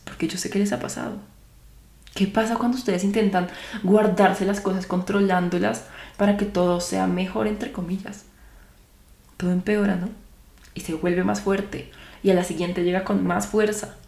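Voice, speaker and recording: A woman's voice: medium pitch, a little mellow, reverberant. A young woman hosting a podcast, talking earnestly to her listeners and asking them rhetorical questions. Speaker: podcast host. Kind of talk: reflective podcast monologue.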